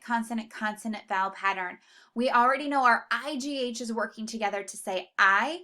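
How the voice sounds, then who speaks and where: Woman teacher, bright tone, slow measured delivery, stretches out example words for young spellers. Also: fairly high pitch. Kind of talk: spelling lesson for students.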